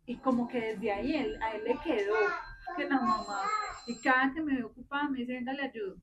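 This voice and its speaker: A woman's voice: fairly high pitch, a little fast, lo-fi sound, very noisy. A woman with a Colombian Spanish accent, a mother in a church class, telling personal stories expressively and acting out the dialogue. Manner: expressive, narrates with quoted dialogue. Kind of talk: sharing a personal story in discussion.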